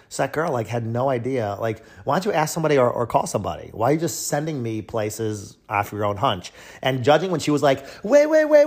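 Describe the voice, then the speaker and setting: Brief: man, truck driver vlogger, rambling casual rant, mid-pitch voice, acts out quotes. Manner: rambling, frequent "like" fillers, acts out quoted people.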